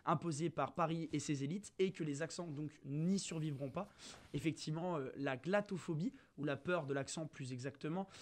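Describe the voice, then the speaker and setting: Young male debater, formal read argument, slightly high voice. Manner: formal, addresses listeners. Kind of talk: prepared argument read on radio.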